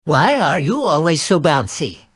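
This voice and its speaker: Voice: mid-range voice, big pitch swings, unhurried, noisy background. A performer voicing a fussy, irritable, scheming rabbit in a children's storybook. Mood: indignant.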